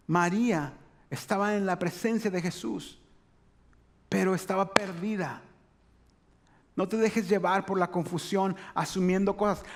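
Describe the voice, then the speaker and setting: High-voiced pastor preaching. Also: male voice. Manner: conversational preaching, frequent "¿verdad?" tags. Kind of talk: sermon.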